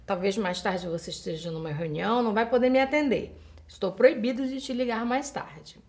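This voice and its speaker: A female English teacher from Brazil gives a recorded video lesson over slides, slowing right down for each example sentence and checking in with the student. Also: medium pitch, darkish tone. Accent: Brazilian Portuguese. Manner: addresses the student directly with checking questions.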